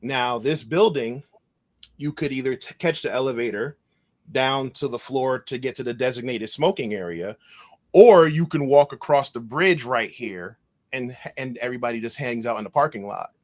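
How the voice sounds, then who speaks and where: Male podcast guest, mid-range voice, animated storyteller who voices the people in his tale, loose and full of restarts. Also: medium pitch, normal speed. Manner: animated, acts out dialogue in his stories; loose phrasing with frequent restarts. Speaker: podcast guest, cybersecurity consultant. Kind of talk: conversational storytelling.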